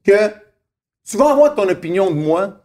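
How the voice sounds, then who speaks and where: A man's voice: sits high, very animated, normal speed, a little mellow. A man, telling stories emphatically in a casual chat and asking rhetorical questions. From Montreal, Quebec. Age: 50s.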